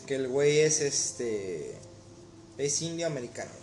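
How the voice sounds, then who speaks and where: A man's voice: mid-range voice, very animated, measured pace, a little mellow. A man with a Mexican accent, a cook telling stories in a casual chat, full of slang and swearing. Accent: Mexican Spanish. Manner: loose storytelling, heavy slang and swearing. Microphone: phone. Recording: echoey room, music behind.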